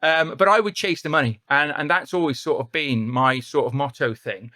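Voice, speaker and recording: A man's voice: a little high, moderate pace, pushed and bright, no echo, clean studio sound. A middle-aged man with a West Country English accent, a podcast guest telling his life story in a rambling, self-correcting way. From England. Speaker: podcast guest, property investor. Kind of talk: casual storytelling interview.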